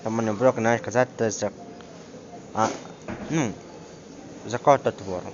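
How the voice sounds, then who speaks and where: A man tutoring one student through a grammar lesson in a casual, hesitant way, with many fillers, reading example words slowly. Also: on the low side. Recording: dull lo-fi screen recording with clear background noise.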